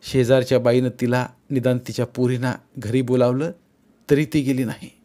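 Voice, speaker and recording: A man's voice: mid-range voice, little pitch movement, moderate pace, dark tone. Man reading a story aloud. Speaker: narrator.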